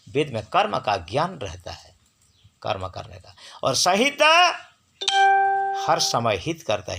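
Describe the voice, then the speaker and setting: Man w slowly spelling out sounds, bright voice, pitch jumps around a lot. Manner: slow, drawn-out syllables, sounds each letter out; lively, rising and falling pitch for emphasis. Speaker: spiritual teacher. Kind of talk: teaching Hindi and Sanskrit pronunciation.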